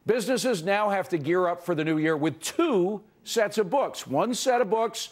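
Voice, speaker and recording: Higher-voiced man hosting a news show. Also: expressive, moderate pace. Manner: emphatic, editorializing. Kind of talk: opinionated news commentary.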